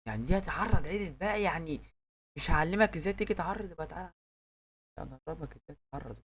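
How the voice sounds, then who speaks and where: A man with an Egyptian accent giving excitable live commentary on his own football video game, yelling at the referee and his players. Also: fairly high pitch, fast, slight background noise. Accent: Egyptian Arabic. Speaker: gamer.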